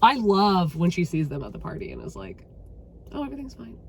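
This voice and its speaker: A woman chatting casually about a novel she read, animated and swearing freely as she acts out her own reactions. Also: on the low side, fairly quick, a little hiss or hum. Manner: animated, swearing, quotes herself dramatically. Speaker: book vlogger. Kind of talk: casual book chat.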